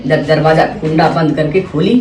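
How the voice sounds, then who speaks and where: A middle-aged woman with an Uttar Pradesh accent tells a devotional folk story in a lively, repetitive oral style. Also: sits low, normal speed, noisy background. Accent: Uttar Pradesh Hindi. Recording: roomy, distant phone recording with chatter.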